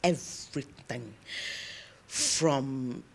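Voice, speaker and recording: A woman lecturer answering interview questions in an earnest, emphatic way, often pausing with "um" as she thinks aloud. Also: extremely low pitch, vocal fry, a little hiss or hum. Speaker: interview guest, university lecturer.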